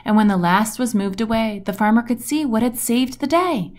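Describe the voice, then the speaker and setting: Her voice on the high side, a woman reads aloud from a rhyming children's picture book. The delivery is expressive and deliberate, with the rhymes and action words given extra stress.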